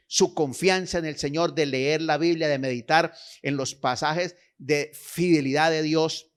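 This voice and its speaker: Exhorting male preacher, higher voice. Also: a bit bright. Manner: exhorting, repeats phrases and asks listeners "¿sí?"; reads scripture aloud with emphasis. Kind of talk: sermon.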